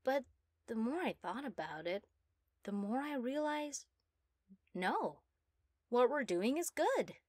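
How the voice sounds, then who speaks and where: A woman voicing a proud, giddy young mad scientist obsessed with her work, theatrical and self-satisfied, in a soft ASMR role-play. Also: fairly high pitch, sing-song, takes it slowly, long pauses, no echo, studio quality, pitched above the performer's own voice, heavily acted. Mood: earnest, fervent.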